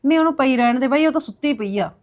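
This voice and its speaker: A woman's voice: high-pitched, racing. A woman playing a mother who brushes off requests in a comic web series. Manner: dismissive, calm refusals.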